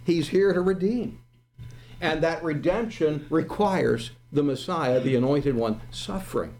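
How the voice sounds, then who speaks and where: A man's voice: on the high side, unhurried, darkish tone. A man preaching an expository sermon, quoting old-fashioned scripture verses and asking rhetorical questions. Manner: quotes King James verses, rising dramatically on quotes.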